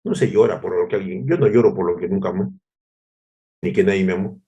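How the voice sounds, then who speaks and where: A man's voice: low-pitched, fast, dark tone, lo-fi sound. Emphatic male pastor preaching. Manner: repetitive, emphatic, addresses listeners as brothers. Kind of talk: sermon.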